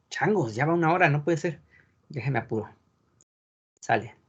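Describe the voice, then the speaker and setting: A man's voice: a little high, lively intonation, a little slow, slightly rough. Man, online wine teacher, explanatory, frequent check-in questions, lo-fi muffled call audio. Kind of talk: online class lecture.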